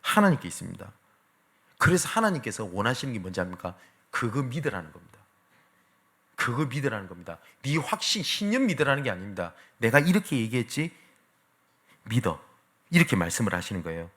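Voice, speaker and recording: Lively Korean male pastor preaching. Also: medium pitch, fast talker. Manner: lively preaching, asking the congregation questions. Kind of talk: sermon. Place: church sanctuary.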